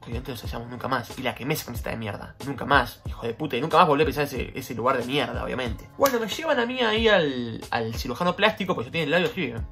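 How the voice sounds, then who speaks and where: A man's voice: very fast, hardly any pauses, soft background music. A man in his twenties with a Rioplatense Argentine accent tells a personal anecdote at home in a casual, slangy vlog. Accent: Rioplatense Argentine Spanish. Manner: animated, slangy, jumps in pitch when telling the story. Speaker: vlogger.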